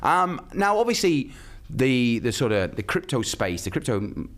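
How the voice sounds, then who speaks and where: A man hosting a podcast interview who fills his questions with "sort of" and "obviously" and keeps agreeing in quick replies. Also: mid-range voice, sing-song. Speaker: podcast host. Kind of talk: casual interview.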